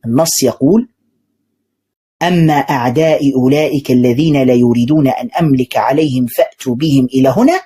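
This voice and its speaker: Fast, lively, husky-voiced male debater. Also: a little high. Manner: mocking, rhetorical questions, quotes scripture. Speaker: religious debater responding to clips. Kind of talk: animated polemical commentary.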